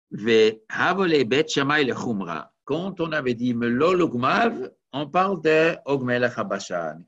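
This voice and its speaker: A man teaching a Talmud study lesson, explaining step by step and weaving Hebrew and Aramaic terms into his talk. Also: medium pitch. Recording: dull lo-fi recording.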